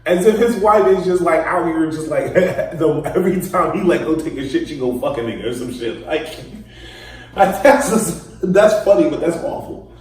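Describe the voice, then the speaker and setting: Animated joking man, echoey room. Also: a little high, normal speed. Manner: animated, joking, laughs often. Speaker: podcast co-host. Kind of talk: casual chat. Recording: echoey room, far from the mic.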